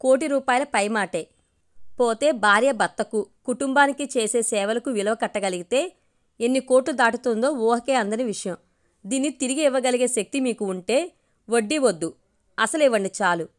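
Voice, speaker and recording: A woman's voice: on the high side, moderate pace, natural voice. A woman voicing a firm, dignified middle-aged wife and mother in a storybook reading, arguing in a reproachful way.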